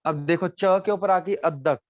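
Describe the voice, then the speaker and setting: A man teaches his students over a video call. He says each word again and again and keeps asking them to answer. His voice sits a little high, and the sound is dry and muffled. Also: no room sound. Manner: repeats words slowly, quizzes students. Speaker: language teacher. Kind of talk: online class teaching. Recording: dull lo-fi sound.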